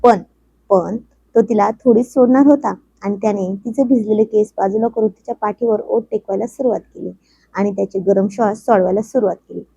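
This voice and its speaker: Breathy woman reading a romantic story. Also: mid-range voice, a little fast, mellow, no echo, muffled recording.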